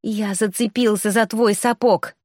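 A woman's voice: mid-range voice, steady tone, unhurried, darkish tone, no room sound, clean studio sound, lightly acted. A woman reading an audiobook, voicing a flustered, complaining male rector trapped in a young woman's body.

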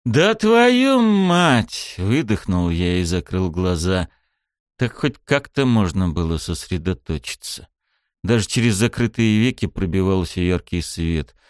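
A man narrating an audiobook in a lively, wry storytelling manner. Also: low voice, moderate pace, dry recording, clean studio sound.

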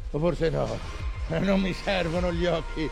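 An actor playing an obsessed, commanding old whaling captain in a grandiose, imperious stage monologue. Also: male voice, on the high side, fairly even intonation, a little slow, gravelly. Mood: brooding, commanding. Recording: music loud behind the voice.

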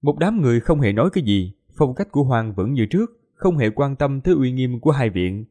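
A man narrating an audiobook in a steady storytelling manner. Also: mid-range voice, brisk.

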